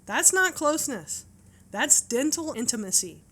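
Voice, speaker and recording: A woman's voice: high-pitched, big pitch swings, unhurried, fairly bright tone, exaggerated voice. A woman playing a sarcastic, exasperated bystander griping in a comedy parody.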